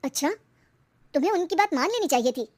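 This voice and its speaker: A woman's voice: high voice, animated, fast, dry recording. A woman voicing a shrewd, caring older mother in a cartoon story. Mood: concerned. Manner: teasing, shrewd.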